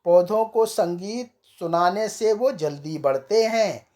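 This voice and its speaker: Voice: medium pitch, slow pace, dark tone, close to an everyday voice. A storyteller voicing a cheerful, boastful village inventor man who is always sure of his silly ideas.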